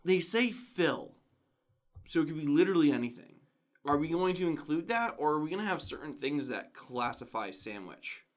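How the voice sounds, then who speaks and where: A man's voice: fairly high pitch, expressive, brisk. A man co-hosting a podcast in casual chat, probing with questions and restarting his phrases. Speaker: podcast co-host.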